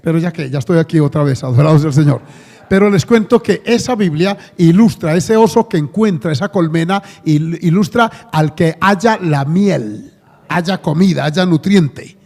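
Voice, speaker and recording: High-voiced Colombian pastor preaching in a hall. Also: male voice, normal speed, creaky, a little mellow. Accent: Colombian Spanish. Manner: conversational preaching with asides and questions to the congregation. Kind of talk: sermon. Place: church hall. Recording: long church hall reverb.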